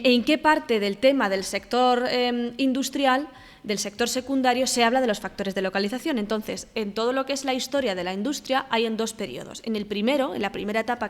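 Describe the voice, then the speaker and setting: A woman teacher with a Spanish accent from Spain explains exam answers step by step. She pauses on fillers and keeps checking that her listeners follow. Her voice has a long reverb trailing behind it. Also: fairly high pitch. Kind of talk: exam walkthrough lesson.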